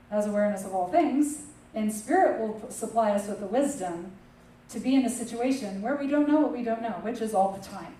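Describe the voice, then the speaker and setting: A woman's voice: a little high, mellow. A woman minister giving a sermon in a conversational way, often checking in with "okay" and "right.". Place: church sanctuary. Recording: distant echoey room mic.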